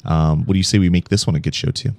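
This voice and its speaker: A man hosting a podcast in casual, joking chat, rambling and animated. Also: deep voice, rapid-fire, dry recording. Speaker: podcast host.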